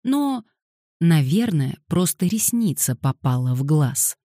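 A woman reading an audiobook voices a fair-minded boy who speaks calmly and firmly. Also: low-pitched, takes it slowly, no room sound, studio quality, heavily acted. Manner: calm, firm and reasonable.

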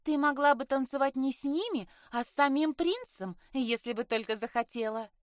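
Cheeky young mermaid sister, put on by a woman reader, higher and brighter, dry studio sound. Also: moderate pace, dry recording, lightly acted. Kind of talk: audiobook character voice.

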